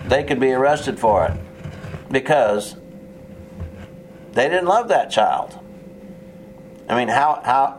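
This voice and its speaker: A man's voice: mid-range voice, slight background noise. A man preaching a sermon in an earnest, plain way, with touches of sarcasm and frequent restarts.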